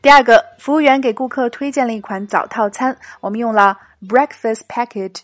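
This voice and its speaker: A woman's voice: on the high side, normal speed, no room sound, clean studio sound, soft background music. A woman hosting a scripted English lesson podcast, reading short English dialogues and explaining them in Mandarin. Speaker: English teacher, host.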